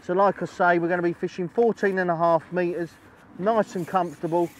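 Outdoors on a lakeside bank, a middle-aged angling presenter gives a chatty, instructional fishing demonstration, explaining as he goes and often repeating phrases. His voice is high, fairly quick, and fairly even in intonation, with a little hiss or hum in the audio.

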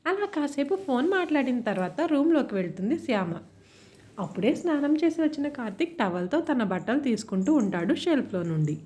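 Expressive woman narrating a love story. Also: sits high, brisk.

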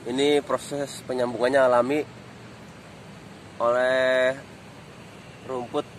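Speaking slowly in a mid-range voice, a man casually tours a stadium construction site on foot, calmly pointing out what he passes. The outdoor footage comes from a phone camera held low, and a little hiss or hum is audible.

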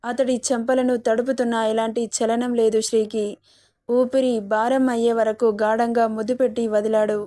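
A woman who hosts a storytelling channel, reading a romance story aloud in a steady, even manner. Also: a little high, dry recording, clean studio sound. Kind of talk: story narration.

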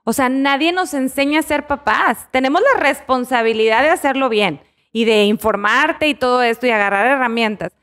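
Brief: middle-aged woman host, high voice, loud and animated in casual chat. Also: normal speed.

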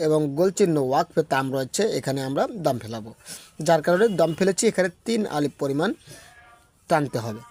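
A man's voice: a little high, darkish tone. A man teaching Quran recitation, patiently explaining correct pronunciation and correcting common mistakes. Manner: demonstrates recitation in slow drawn-out chant.

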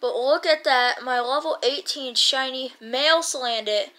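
A woman giving casual gameplay commentary as a YouTuber, rambling and chatty with excited bursts. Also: high-pitched, moderate pace. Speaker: gaming YouTuber.

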